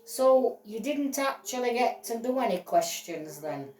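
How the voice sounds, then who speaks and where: A woman voicing a stern TV judge who lectures slowly in a playful toy-play story. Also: mid-range voice, very animated, dark tone, recorded from a distance. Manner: slow, lecturing, drawn out. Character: stern slow-talking TV judge. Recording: roomy echo, voice off-mic.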